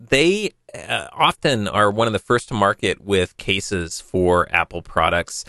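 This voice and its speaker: A man's voice: low voice, a bit bright, smooth, no room sound, studio quality. A man hosting a podcast, chatting casually and rambling a little as he answers a listener. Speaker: podcast host. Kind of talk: casual tech podcast talk.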